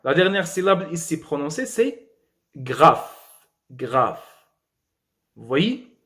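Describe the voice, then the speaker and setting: In a French lesson led by a young Moroccan-accented man, letters are spelled slowly and words are drilled, broken up by brief Arabic asides. He has a high voice and is very animated.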